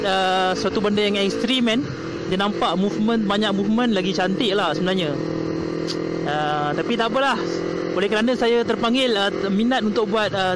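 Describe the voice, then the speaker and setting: A young Malaysian man with a Malaysian Malay accent chatting casually while riding his motorcycle in the rain, with many fillers and English words mixed in. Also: high-pitched. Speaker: motovlogger. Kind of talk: casual vlog chat. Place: outdoors on a motorcycle on a wet road in rain. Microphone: helmet or bike-mounted action camera. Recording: loud road and engine noise.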